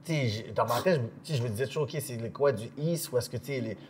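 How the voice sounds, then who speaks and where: A man's voice: medium pitch, quick pace, darkish tone, a little hiss or hum. A man with a Quebec French accent who hosts a talk show, asking questions in casual chat and mixing English slang into his speech. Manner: conversational, mixes in English slang.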